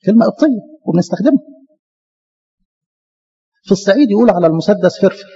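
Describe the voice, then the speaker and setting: A man with an Egyptian Arabic accent giving a lively church lecture, talking to his listeners as his beloved. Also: high voice, fast, slightly rough, long reverb tail, lo-fi sound. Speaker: Coptic church speaker.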